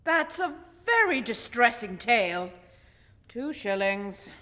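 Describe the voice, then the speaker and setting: An exasperated British gentleman doctor acted by a woman with a high-set voice and slow, deliberate delivery. He is dry and put-upon, a comic radio play sidekick, heard in long reverb. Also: sing-song, heavily acted. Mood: dry irritation. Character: exasperated, muttering gentleman doctor, detective's male companion.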